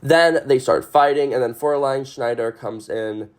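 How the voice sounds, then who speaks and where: Man, podcast host, casual chat, rambling, excitable, sweary, mid-pitched voice. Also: moderate pace. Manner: many fillers and restarts.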